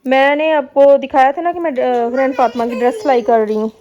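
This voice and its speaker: A chatty woman from Pakistan talks to her viewers in a home vlog, her voice a little high. She keeps addressing the audience directly. Faint kitchen sizzle and house noise sit behind her on a phone recording. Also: fairly even intonation, brisk, dull audio. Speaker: family vlogger.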